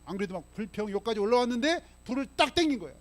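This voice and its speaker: A man's voice: very high voice, animated, racing. A male pastor preaching a sermon, prodding the congregation with frequent questions and reading scripture aloud with force. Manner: emphatic preaching, frequent rhetorical "응?" and "예?" prompts to the congregation. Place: church sanctuary.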